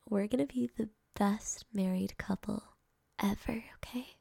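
Gravelly-voiced young woman whispering intimately. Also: medium pitch, fairly even intonation, takes it slowly, no room sound, clean studio sound. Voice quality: soft whispering, intimate and affectionate. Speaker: girlfriend in a roleplay. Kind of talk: ASMR roleplay.

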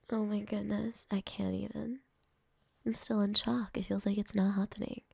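A young woman whispering softly and affectionately to a partner in an ASMR roleplay, speaking close to the microphone. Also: mid-range voice, creaky, slightly rough, no echo. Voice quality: soft whispering, intimate and affectionate. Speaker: girlfriend in a roleplay.

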